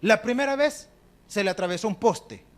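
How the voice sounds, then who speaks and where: A man with a Salvadoran Spanish accent, a pastor preaching a sermon, telling stories with acted quotes and swinging between hushed and loud delivery. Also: sits high, lively intonation, normal speed. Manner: addresses the congregation as brothers.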